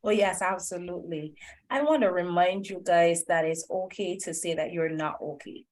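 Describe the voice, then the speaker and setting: A woman's voice: lowish voice, moderate pace. Encouraging woman from Barbados. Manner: encouraging, preacher-like. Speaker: podcast guest. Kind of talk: motivational interview talk.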